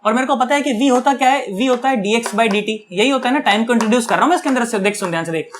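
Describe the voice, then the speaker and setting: A man's voice: extremely high pitch, racing, a bit bright, slight background noise. A male physics teacher giving an online video lecture, chatty and coaxing, often checking that students follow, earnest and affectionate toward them.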